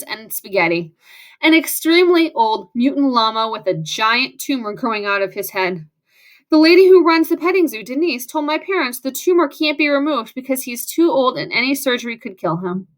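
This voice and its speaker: A woman's voice: high-pitched, expressive, moderate pace, a bit bright. A woman reading a first-person audiobook in a wry, sarcastic way. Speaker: audiobook narrator.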